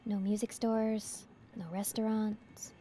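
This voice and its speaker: A woman from New York giving soft, hushed voice to the narrator of a horror visual novel, as a whispered role-play. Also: mid-range voice, little pitch movement, slow, a little hiss or hum, close to an everyday voice.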